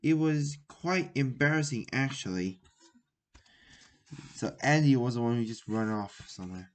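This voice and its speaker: A man's voice: medium pitch, animated. A man reading a children's book aloud, stopping often to restart words and comment on the pictures. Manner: halting, with frequent restarts and comments. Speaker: story reader.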